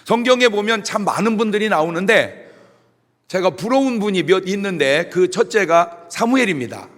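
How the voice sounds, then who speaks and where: A middle-aged man pastor giving a humorous sermon, telling stories and acting out shouted voices. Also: sits high. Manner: animated storytelling with jokes and shouted imitations. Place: church sanctuary. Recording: long reverb of a church hall.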